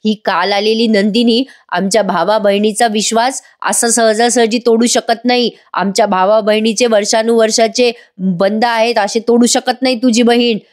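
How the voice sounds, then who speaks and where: A woman's voice: fairly high pitch, fairly even intonation, moderate pace, close to an everyday voice. A woman voicing a scheming middle-aged aunt in a TV serial recap, with wailing, pleading reproaches. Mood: indignant.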